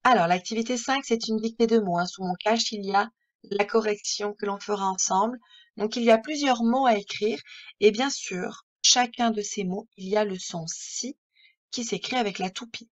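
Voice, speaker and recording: A woman teaching a reading lesson to young children, encouraging them and sounding out words syllable by syllable. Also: mid-range voice. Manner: slow, deliberate syllable-by-syllable pronunciation; gentle, encouraging tone addressing children. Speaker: primary school teacher.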